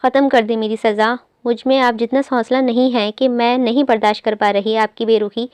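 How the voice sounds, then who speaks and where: A woman reading the part of a gentle young wife who pleads with her husband. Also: fairly high pitch, steady tone, a little fast, clean tone, dry recording, close to an everyday voice. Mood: pleading.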